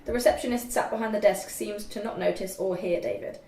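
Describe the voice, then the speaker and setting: Reading stage directions as narrator for a group table read, a young woman speaks a little fast in a dark, mid-range voice. She's captured from afar in an echoey room with faint background noise.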